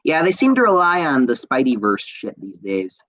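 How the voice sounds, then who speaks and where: A young man hosts a podcast, chatting casually and reading out viewer comments in a rambling, enthusiastic way full of fillers and restarts. His mid-range, slightly bright voice swings widely in pitch at a moderate pace. The recording is rough.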